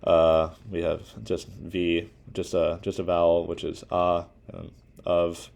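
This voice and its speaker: A man's voice: low voice, completely flat delivery, slow pace, creaky, darkish tone. A young man giving a casual class presentation, talking informally with many fillers and restarts. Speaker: student presenter.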